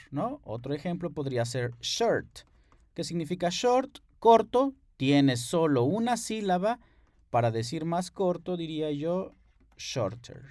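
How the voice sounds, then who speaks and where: A man's voice: a little high, darkish tone, no echo, clean studio sound. Patient male teacher at a whiteboard. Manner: patient, explains step by step, checks in with "¿ok?". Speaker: English teacher. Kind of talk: whiteboard grammar lesson.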